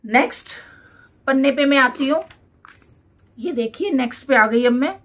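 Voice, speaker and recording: A woman teacher, reading English words one by one for a dictation lesson and repeating each one clearly. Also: high voice, animated, a bit bright. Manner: reads each word slowly and repeats it.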